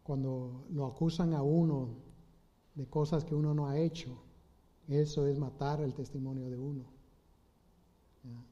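A man preaching an informal sermon, retelling a Bible story in a halting way with many restarts and rhetorical questions. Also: medium pitch, fairly even intonation, mellow. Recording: slightly dull lo-fi audio.

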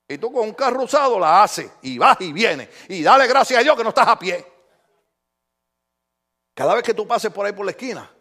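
Preaching in church, a pastor with a high, gravelly voice fires questions at the congregation and acts out the voices he quotes. His delivery is animated.

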